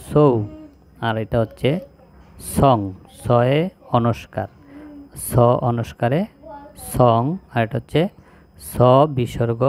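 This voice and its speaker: Male teacher voice for a kids' spelling lesson, flat and steady delivery. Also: mid-range voice. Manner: slow, even, drilling recitation of syllables. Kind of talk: slow spelling lesson recitation.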